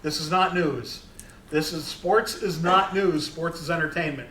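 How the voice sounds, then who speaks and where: Middle-aged man, slightly high voice, chatty and rambling, caught from across an echoing room. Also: measured pace, fairly bright tone, a little hiss or hum. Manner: rambling, with many fillers and restarts. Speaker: sports photographer giving a talk. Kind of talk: casual talk to an audience. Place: room with an audience. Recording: roomy, distant recording.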